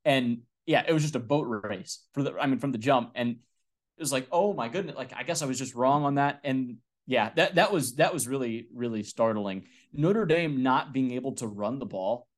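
A man's voice: mid-range voice, moderate pace. A young man co-hosting a college football podcast, talking casually with lots of fillers and restarts. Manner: animated, many fillers and restarts. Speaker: podcast co-host. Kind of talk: casual sports talk.

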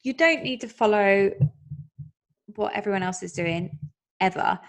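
Podcast host, woman in her thirties, earnest and chatty, mid-pitched voice. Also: a little slow. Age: 30s. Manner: chatty, earnest, laughs often. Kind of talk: casual chat.

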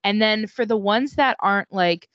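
A woman's voice: medium pitch, moderate pace, fairly bright tone, no echo. A woman co-hosting a casual book podcast over a video call, rambling with lots of ums and likes. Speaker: podcast co-host and bookstore worker. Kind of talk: casual chat. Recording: dry, dull lo-fi call audio.

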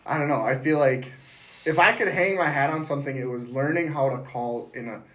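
A man hosting a podcast, animated and jokey in casual chat, quick to agree with his guest. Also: mid-range voice, roomy sound, poor audio.

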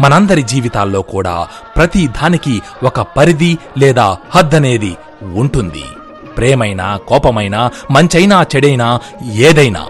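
Expressive male storyteller. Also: mid-range voice. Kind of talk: scripted epic narration.

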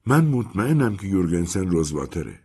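A man's voice: deep voice, big pitch swings, a little mellow, breathy edge, heavily acted. A man voicing an eager, nosy young man. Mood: earnest. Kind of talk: audiobook character voice.

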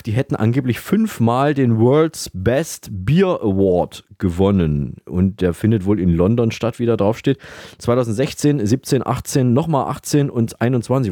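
Male comedy podcast host, mid-pitched, rambling, deadpan, dry studio sound. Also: no echo. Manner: rambling, hesitant, full of fillers.

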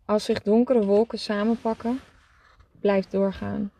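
A woman calmly reading a storybook aloud in a gentle, measured way. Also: medium pitch, gravelly. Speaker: storybook reader. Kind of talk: calm scripted narration.

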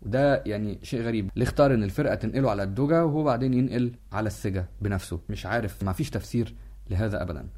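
A man's voice: on the low side, rapid-fire, darkish tone. A man with an Egyptian accent giving an explanatory lecture, walking listeners through musical details. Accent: Egyptian Arabic.

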